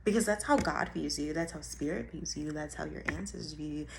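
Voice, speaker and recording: A young woman talks straight to the camera in a casual motivational monologue. She is blunt and profane and hammers her points home by repeating them. Her voice swings between quiet asides and loud bursts. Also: low voice, brisk, gravelly, background noise. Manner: blunt and profane, with emphatic repetition. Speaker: vlogger.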